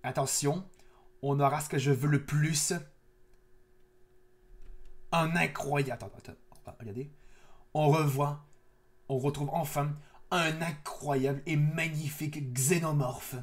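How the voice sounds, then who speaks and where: A man's voice: fairly high pitch, fairly even intonation, unhurried, long pauses. Eager, chatty male trailer-reaction host. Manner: eager, chatty, with frequent restarts. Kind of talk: casual trailer reaction commentary.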